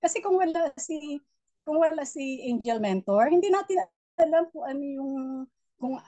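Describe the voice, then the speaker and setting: A middle-aged woman mentor giving a motivational training talk, with a naturally loud voice and a preachy, encouraging manner. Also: high voice, lively intonation, normal speed, dry recording. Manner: loud voice, warm and preachy, mixing English in. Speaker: network marketing mentor.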